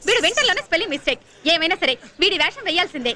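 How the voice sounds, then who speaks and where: A brisk, commanding dance teacher in a film comedy. She speaks very fast in a high, bright voice and hands out orders with ease. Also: sing-song, exaggerated voice. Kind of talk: comic film acting.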